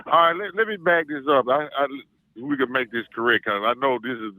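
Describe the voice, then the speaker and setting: Bright-voiced, boastful man with Arkansas accent. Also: mid-range voice, brisk, rough recording. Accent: Arkansas Southern US. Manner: boastful, emphatic, repeats phrases. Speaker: call-in guest, self-styled football scout. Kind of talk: animated sports fan talk.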